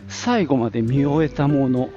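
Walking outdoors on a street on his way to work, a podcast host in his late fifties chats and rambles through his casual audio diary, full of fillers and slightly breathless. His mid-range voice has lively intonation at a normal speed, heard over music in a dull, lo-fi recording with wind noise.

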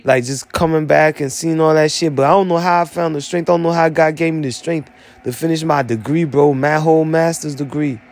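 A man's voice: a little high, fairly even intonation, fairly quick, darkish tone. A man, an army veteran, talking through his story in a rambling, profane monologue full of fillers.

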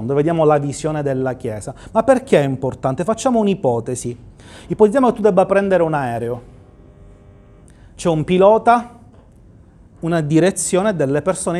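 A male pastor with a slightly high, darkish voice preaches a livestreamed sermon in church, posing rhetorical questions and quoting scripture.

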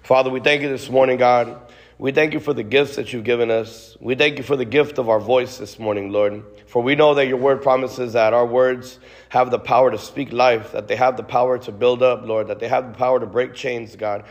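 Speaking fairly quickly in a steady, medium-pitched voice, a man preaches and then prays out loud. His loose, conversational style has many restarts and frequent "God" and "Lord" tags. The recording carries the long reverb of a large hall.

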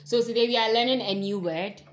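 A woman hosting a casual podcast, talking in a measured, advising way. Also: fairly high pitch. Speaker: podcast host.

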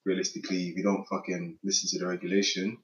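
Fast-talking young man, low voice. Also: level tone. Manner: slangy, emphatic, repeats phrases. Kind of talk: casual group chat. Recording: echoey room, slightly muffled.

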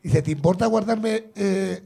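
A man with a gravelly, husky voice, telling a comic story in casual chat and acting out the voices in it. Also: high-pitched, a little slow. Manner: animated, acts out voices in his anecdotes. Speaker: comedian host.

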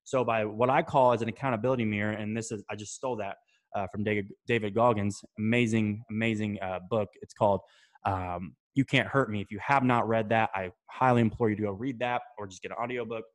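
A man's voice: fairly low pitch, steady tone, fairly quick. A young man talking casually to camera, giving habit advice, loose and chatty, swearing now and then and checking in with "right?" and "okay?". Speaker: self-improvement vlogger.

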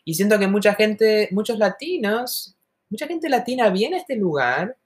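A woman from Argentina with a softened Argentine accent, co-hosting a podcast and talking earnestly and at length in casual conversation. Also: mid-range voice, animated, moderate pace. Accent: Argentine Spanish, softened toward neutral. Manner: earnest, reflective, talks at length. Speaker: podcast co-host.

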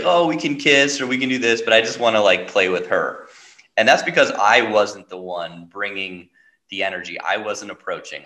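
A man's voice: deep voice, bright, forceful tone. A man hosting a podcast, telling a story in a loose, rambling way with lots of fillers and easy laughter. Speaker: podcast host. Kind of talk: casual storytelling chat.

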